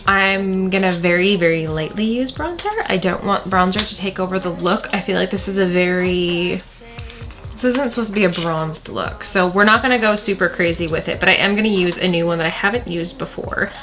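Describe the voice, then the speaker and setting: A woman's voice: on the low side, brisk, a bit bright. A woman talking through a makeup tutorial in a chatty, casual way, often repeating words for emphasis, with faint music behind her. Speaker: beauty vlogger.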